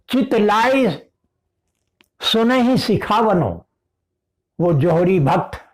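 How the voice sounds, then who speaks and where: A calm spiritual teacher giving a measured, deliberate scripture discourse, reciting verses and explaining them. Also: mid-range voice.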